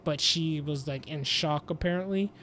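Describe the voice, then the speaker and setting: A man's voice: on the high side, normal speed, fairly bright tone, slight background noise. A young man hosting a casual podcast, rambling through a recap with lots of "like" and "basically". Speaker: podcast host. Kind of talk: casual chat.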